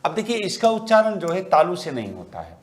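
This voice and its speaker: Higher-voiced man teaching grammar class. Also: wildly swooping pitch, a little fast. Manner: repeats key words as rhetorical questions. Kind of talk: exam-prep grammar lecture.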